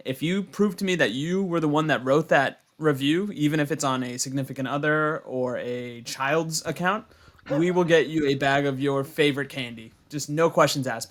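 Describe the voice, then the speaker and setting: A man's voice: mid-range voice, fairly bright tone. A man co-hosting a podcast, earnestly appealing to listeners in a casual way. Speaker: podcast co-host. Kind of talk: casual chat.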